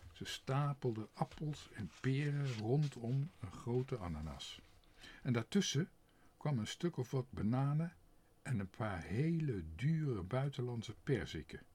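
A man narrating a children's storybook aloud in an expressive, unhurried way. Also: mid-range voice, slight background noise. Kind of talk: storybook reading.

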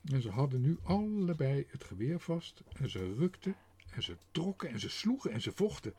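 Man, storyteller, husky voice, lively pitch, slow reading. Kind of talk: reading a children's story aloud.

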